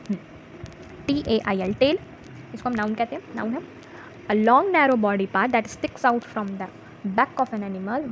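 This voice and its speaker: A woman teacher with an Indian accent, speaking slowly and patiently in a fairly high voice. She reads out English lines and has the children repeat them. Faint hiss and room noise sit behind her. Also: a little mellow, poor audio. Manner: explains each word slowly, reads English lines aloud and drills them. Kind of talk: textbook exercise lesson, Hindi mixed with English.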